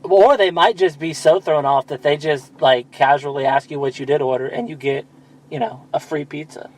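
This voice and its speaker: Casual male podcast host, profane and rambling, slightly high-pitched. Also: moderate pace, darkish tone. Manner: rambling, profane, self-deprecating. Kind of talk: casual chat.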